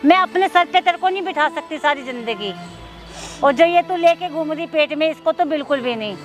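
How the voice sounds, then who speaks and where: A woman's voice: sits high, expressive, brisk, faint music behind. A woman playing a harsh scolding stepmother. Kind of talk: staged social drama acting.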